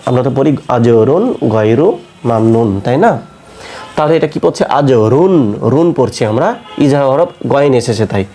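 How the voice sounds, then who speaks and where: Man teaching tajweed, mellow voice. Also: medium pitch, expressive. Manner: asks the class questions and answers them himself; spells out letters slowly and clearly. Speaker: Quran recitation teacher. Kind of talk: online tajweed lesson.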